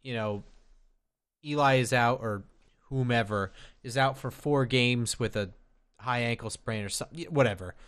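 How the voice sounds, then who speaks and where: A man co-hosting a casual sports podcast, measured and hedging, with many fillers and restarts. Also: medium pitch, fairly bright tone, clear, resonant tone. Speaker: podcast co-host.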